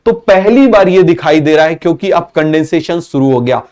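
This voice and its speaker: A man with a Hindi accent runs a fast-paced biology exam-prep lesson, constantly quizzing students with repeated questions. His voice is fairly high, animated, and darkish in tone.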